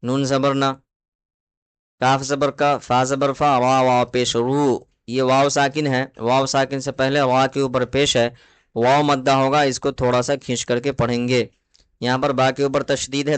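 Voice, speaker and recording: A man with a Pakistani Urdu accent teaching Quran recitation, patiently spelling out letters and vowel marks one by one in a slow lesson. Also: mid-range voice, smooth, no room sound.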